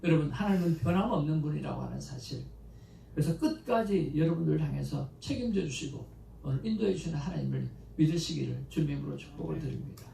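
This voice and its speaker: Korean pastor guy preaching sunday sermon, gravelly voice, kinda far from the mic, faint hiss. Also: a little high, quick pace. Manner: conversational, anecdotal preaching with animated emotional quotes. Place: church sanctuary. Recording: echoey church room, mic at a distance, faint background noise.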